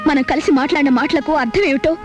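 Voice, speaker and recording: An actress playing a sharp-tongued young unmarried woman who scolds bluntly. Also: high-pitched, racing, muffled recording, lightly acted. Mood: defiant. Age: young adult. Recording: film soundtrack with music behind.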